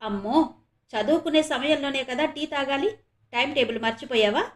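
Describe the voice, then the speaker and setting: A soft-spoken, humble caretaker mother in a storybook audio novel, played by a woman narrator. Her tone stays gentle and tender, a touch high in pitch. The speech is devoted and modest. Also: steady tone, moderate pace, natural voice. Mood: teasing.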